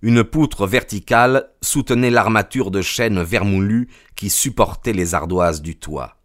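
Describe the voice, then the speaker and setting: A man giving measured audiobook narration of a classic novel. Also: on the low side, no echo, studio quality.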